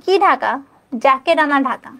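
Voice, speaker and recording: A young woman teaching an online exam-prep biology lesson, spelling out scientific names slowly, repeating each one, and checking in with her students. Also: high voice, creaky, bright, forceful tone. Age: young adult.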